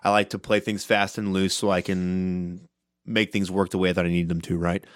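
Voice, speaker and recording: A man with a somewhat low voice talks loud and quick on a casual podcast, often ending thoughts with "right?". The sound is dry and close, with no room around it. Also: level tone, no room sound. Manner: fast-talking, loud, with many "right?" tags. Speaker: podcast co-host and game master.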